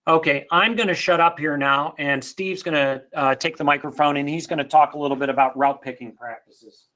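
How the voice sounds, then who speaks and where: A man's voice: a little high, fairly even intonation, brisk, pushed and bright. A middle-aged man presenting a webinar, explaining figures conversationally with many ums and restarts.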